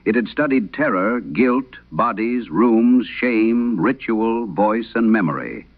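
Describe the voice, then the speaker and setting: Heavily acted and full of dread, this dramatic horror radio monologue has a man playing an old exorcist priest with a deep, gravel-laden voice. He confesses in solemn, literary, measured lines, his pitch swinging widely and his intonation lively, haunted and intense throughout. It sounds like it's coming over a phone.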